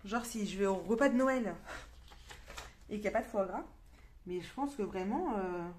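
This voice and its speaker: A woman's voice: mid-range voice, moderate pace, darkish tone. A young French woman chatting casually in a coloring vlog, with lots of fillers and restarts. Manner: mutters counts half-whispered to herself. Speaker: coloring vlogger. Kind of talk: casual chat while coloring.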